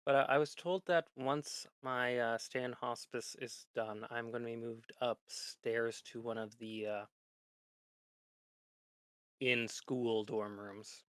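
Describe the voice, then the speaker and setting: Bedridden young student woman, calm and chatty, as a man plays her, dry close sound. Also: mid-range voice, takes it slowly, clear, resonant tone, dry recording.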